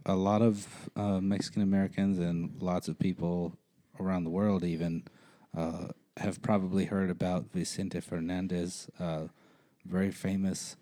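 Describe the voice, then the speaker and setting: A man's voice: low voice, level tone, moderate pace, hardly any pauses, mellow. A man co-hosting a podcast in casual chat, laid-back, with many fillers and casual swearing. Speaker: podcast co-host.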